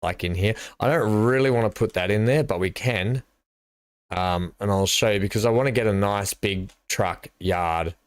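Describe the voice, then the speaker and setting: During a casual live stream, a man builds in a game and narrates his thinking, mumbling as he decides where to put things. His voice is lowish and moderately paced, and the recording is dry.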